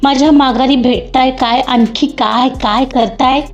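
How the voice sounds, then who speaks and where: A woman's voice: high voice, fairly even intonation, measured pace. A woman voicing an angry young man who turns from pleading to threats, in a storybook reading. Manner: shouting, bitter, sneering. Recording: dull lo-fi with faint music.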